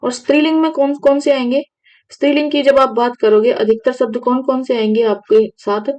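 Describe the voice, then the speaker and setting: A woman's voice: high voice, steady tone, fairly quick, a little mellow, poor audio. A woman teaching Hindi grammar for exam prep, checking in with her students as she explains. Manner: repeats "ठीक है" often, asks students questions.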